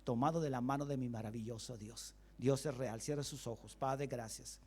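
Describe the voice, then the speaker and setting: A man's voice: mid-range voice, moderate pace, darkish tone, slightly rough. A male pastor preaching a Sunday sermon, asking the congregation questions and acting out everyday excuses in quoted voices. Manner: preaching with rhetorical questions and call-and-response.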